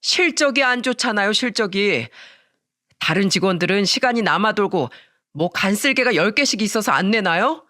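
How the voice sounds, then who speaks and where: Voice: mid-range voice, expressive, normal speed, bright, forceful tone, no echo, studio quality. A narrator voicing a self-justifying young husband who argues with his wife and father. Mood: defiant. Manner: pleading then defiant.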